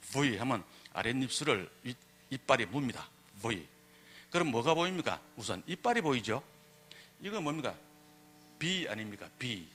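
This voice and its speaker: A man's voice: medium pitch, a bit bright, slight background noise. A man giving a public lecture, asking the audience rhetorical questions and sounding out letters to demonstrate them. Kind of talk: public lecture on Korean script.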